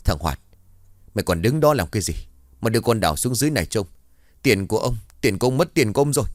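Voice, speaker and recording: Một người đàn ông đóng vai lão địa chủ già tham tiền, gắt gỏng, quát mắng người hầu. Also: male voice, lowish voice, lively intonation, quick pace, no echo, studio quality, close to an everyday voice. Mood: angry. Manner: barking, scolding. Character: greedy bad-tempered old landowner.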